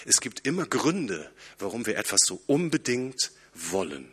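A male preacher delivers a sermon with earnest conviction. His voice is bright and forward with a husky edge, and he swings from emphatic lines to hushed, intimate ones. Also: fairly low pitch, very animated, a little slow.

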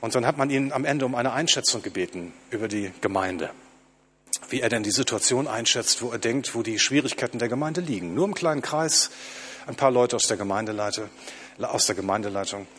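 A man preaching a sermon to his congregation, slowing down to stress quoted lines. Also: medium pitch, a bit bright, husky.

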